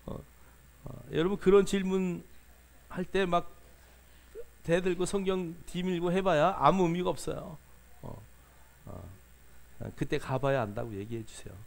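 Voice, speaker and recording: Gravelly-voiced male pastor preaching. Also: high voice, measured pace, long pauses. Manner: lively preaching, asks the congregation questions, many fillers. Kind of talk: sermon.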